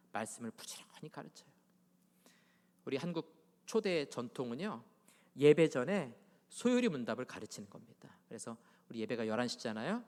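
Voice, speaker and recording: A middle-aged male pastor with a high voice for a man delivers a Sunday sermon, firing rhetorical questions at his listeners. He swings from loud, urgent exhortation to hushed, almost whispered asides. His voice rings with the long reverb of a church sanctuary. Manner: presses the congregation with rhetorical questions.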